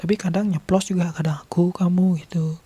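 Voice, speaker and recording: A man from Bali with a Balinese accent, chatting casually to his viewers, laughing often and sometimes dropping into a soft whisper. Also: high voice, flat delivery, brisk, slightly rough, no room sound. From Bali, Indonesia. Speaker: vlogger.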